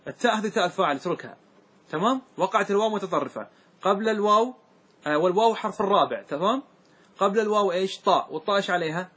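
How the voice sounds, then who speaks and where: A man's voice: sits high, animated, racing, fairly bright tone, slightly rough. A man teaching a grammar class, quizzing his students and repeating their answers.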